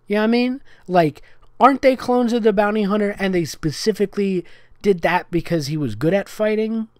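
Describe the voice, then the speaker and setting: Recorded dry and at studio quality, a man with a high-sitting voice hosts a comedic dramatic reading of fan fiction, speaking fairly quickly. He throws in sarcastic, nitpicking asides and keeps breaking into giggles.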